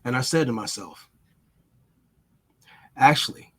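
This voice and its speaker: A man in a middle pitch tells a rambling story straight to camera. He swears freely and speaks bluntly, slowing down and pausing for effect. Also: steady tone, slight background noise. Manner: blunt, profane, dramatic pauses. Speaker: vlogger. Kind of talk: casual storytelling monologue.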